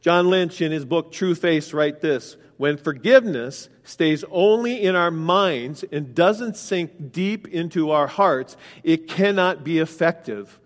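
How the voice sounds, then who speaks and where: Guy preaching in a church, kinda high voice, long echo off the hall, walks thru the verses and asks the crowd stuff. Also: slow, hardly any pauses. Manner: explains scripture verse by verse, asks the congregation direct questions. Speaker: pastor. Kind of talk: sermon.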